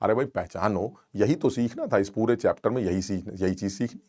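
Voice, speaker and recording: A man's voice: fairly low pitch, fairly quick, mellow, no room sound, studio quality. A man giving an online chemistry lecture in a playful way. He keeps asking the class questions and acts out little back-and-forths between teacher and student. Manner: switches between teacher and student voices in dialogue.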